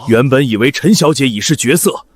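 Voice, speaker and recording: An actor playing a gossiping young wedding guest who mocks the hero. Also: male voice, mid-range voice, animated, brisk, slightly rough, no room sound. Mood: gossipy. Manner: gossipy, mocking. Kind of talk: short drama acting.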